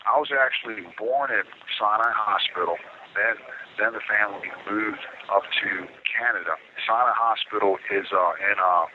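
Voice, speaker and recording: A man whose first language is French, speaking with a pronounced stutter over a prison phone line, halting and repeating words as he goes. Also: deep voice. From Baltimore, Maryland. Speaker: prison inmate. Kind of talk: phone interview. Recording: tinny prison phone line, faint hiss.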